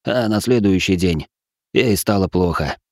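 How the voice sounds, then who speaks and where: A man's voice: low voice, measured pace, a little mellow, dry recording, studio quality. A man voicing a tense, grim nobleman who talks through clenched teeth, in an audiobook reading.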